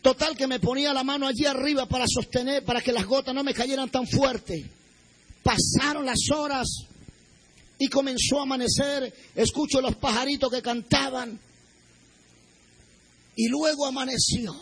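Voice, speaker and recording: A man recounts his survival in an earnest testimony, speaking straight to his listeners. His voice sits unusually high and comes out husky and breathy. He acts out his own past words as he tells it. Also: fairly even intonation, moderate pace, a bit bright, poor audio. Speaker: plane crash survivor giving testimony. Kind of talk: spoken personal testimony.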